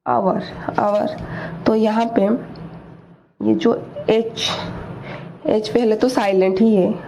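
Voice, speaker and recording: Woman, grammar teacher, slow, repetitive, faint background noise. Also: a little high, steady tone, mellow. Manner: repeats words slowly, asks and answers own questions. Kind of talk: slow explanatory lesson in Hindi. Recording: dull lo-fi recording with faint noise.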